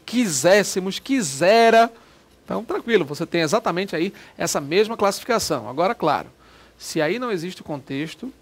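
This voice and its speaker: A man teaching a recorded grammar lesson. He is lively and chatty, and he drills words by repeating them. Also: sits high. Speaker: Portuguese teacher.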